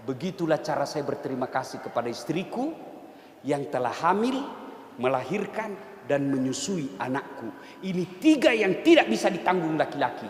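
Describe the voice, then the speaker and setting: A man doing a soft-spoken wise elder. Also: high voice, sing-song, fairly quick, few pauses, a little hiss or hum, pitched below the performer's own voice. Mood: solemn. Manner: soft, solemn. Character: calm wise man, grateful husband. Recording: echoey hall.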